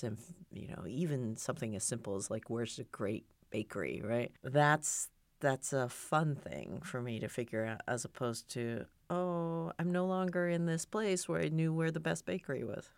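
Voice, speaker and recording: Her voice is very deep and smooth, captured in clean studio sound with no room noise. She's a middle-aged foundation president from Japan, chatting thoughtfully as an interview guest and using plenty of fillers in a casual exchange.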